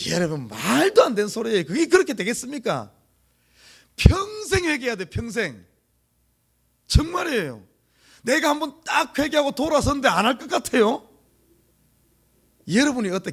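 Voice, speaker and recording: A man's voice: extremely high pitch, a bit bright. A middle-aged male pastor with a Gyeongsang accent preaching an early-morning sermon, repeating key words for stress and putting rhetorical questions to the congregation. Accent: Gyeongsang Korean. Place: church sanctuary.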